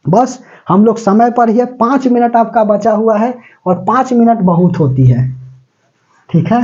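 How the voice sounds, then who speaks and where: Male teacher for an exam-prep biology lesson. Chatty, keeps checking in with students, mellow tone, lo-fi recording. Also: very high voice. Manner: mixes English terms into Hindi; breaks into snatches of song. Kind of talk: classroom lecture.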